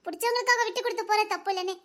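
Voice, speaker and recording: A guilt-stricken young wife whose very high, thin voice trembles as she talks. She pleads through tears, and her words keep cracking into nervous, shaky laughs. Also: very fast, a bit bright. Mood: remorseful. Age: young adult. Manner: tearful, remorseful, voice breaking into shaky laughs. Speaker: young wife in a drama series. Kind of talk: emotional drama acting.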